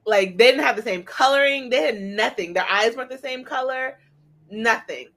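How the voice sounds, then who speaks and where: Bright-voiced woman with a lisp. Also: on the high side, moderate pace. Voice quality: slight lisp. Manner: animated, exclaiming, retelling scenes. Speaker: podcast co-host. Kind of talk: casual chat.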